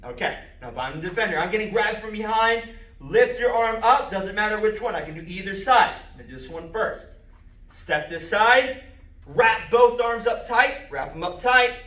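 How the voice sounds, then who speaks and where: A man, a martial arts instructor, calling out self-defense moves step by step in an empty martial arts school, with sharp shouts on the strikes. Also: high voice, animated, normal speed, reverberant, far from the mic. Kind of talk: filmed self-defense lesson.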